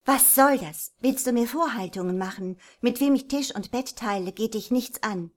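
A woman reading an audiobook, voicing a heartbroken young woman who talks in a quick, indignant rush. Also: medium pitch, darkish tone, natural voice. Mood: agitated.

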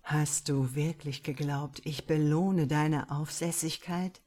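A woman voicing a domineering, teasing man who gives slow, low, taunting commands in a husky voice. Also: steady tone, mellow. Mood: commanding.

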